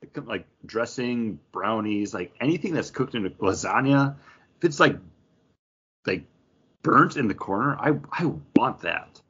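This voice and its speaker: On a dull, low-fidelity recording, an American podcast co-host from western New York talks at a measured pace in an animated, mid-range voice that's a bit bright and slightly rough. He tells casual, rambling stories and says things again to stress them.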